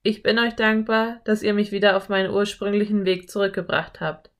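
A woman's voice: mid-range voice, fairly even intonation, brisk, natural voice. A woman voicing a friendly, laid-back male cowboy in an audiobook. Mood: hearty. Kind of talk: audiobook character voice.

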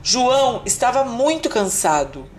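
A woman reading a children's fairy tale aloud in an expressive, unhurried storytelling manner. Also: fairly high pitch, slight background noise.

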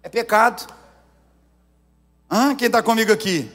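A Brazilian man preaching a sermon as pastor, emphatic, swinging from hushed lines to near shouts. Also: high-pitched, a little slow. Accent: Brazilian Portuguese. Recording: long hall reverb.

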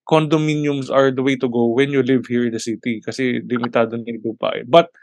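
A man chatting casually as a podcast co-host, halting often to search for words and mixing in English phrases. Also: medium pitch, little pitch movement, darkish tone, no echo. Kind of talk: casual chat.

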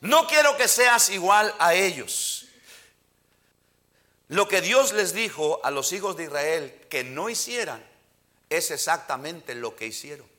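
A man preaching an emphatic sermon in church, often calling his listeners brother and reading scripture aloud with slow stress. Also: sits high, lively intonation, pushed and bright. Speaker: pastor.

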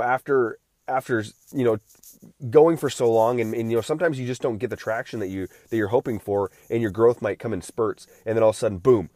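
A man's voice: on the low side, darkish tone, dry recording, studio quality. A man in his late thirties talking through a casual solo podcast, rambling with frequent restarts and fillers while recovering from feeling unwell. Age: 30s. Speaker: podcast host.

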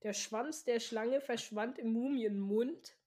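A woman's voice: on the high side, slow, mellow. A German-speaking woman reading a novel aloud casually, often stumbling and restarting words with chatty asides. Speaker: reader of a book aloud.

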